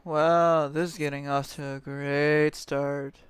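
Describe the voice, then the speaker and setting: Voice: medium pitch, slow, smooth, no echo. A voice actor and streamer chatting casually and jokily between acted game lines. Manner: jokey, animated.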